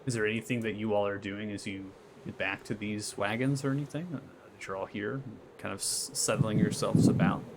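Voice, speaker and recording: A man with a lowish voice runs a tabletop game as game master. He improvises his narration haltingly and checks in with tag questions. There is noticeable noise behind him. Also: steady tone. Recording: clear background noise.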